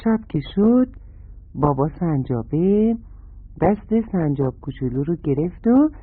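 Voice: medium pitch, expressive, breathy edge, dry recording. A storyteller narrating a children's story and fondly addressing the young listeners. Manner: gentle, fond address to children. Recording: tinny phone-like radio sound, dry.

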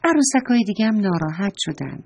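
A woman storyteller who tells a children's story and turns to her young listeners now and then. Her voice rises and falls in a lively way and has a husky, slightly breathy texture. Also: mid-range voice. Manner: addresses children directly, expressive.

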